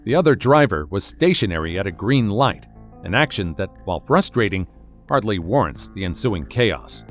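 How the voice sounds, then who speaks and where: Low-voiced man narrating a wry story. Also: big pitch swings, normal speed, fairly bright tone, soft background music. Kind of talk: scripted narration.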